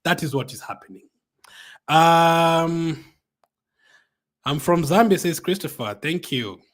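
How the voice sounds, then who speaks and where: A man hosting a live stream, reading viewer comments aloud in an excited, chatty way, often adding "um" and "man". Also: a little high, slow. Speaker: fan channel host.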